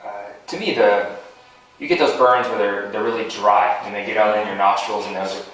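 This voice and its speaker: A man's voice: fairly low pitch, a little fast, a bit bright. A man co-hosting a bourbon tasting, chatty and upbeat as he gives his opinions. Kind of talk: casual chat. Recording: roomy sound from far off.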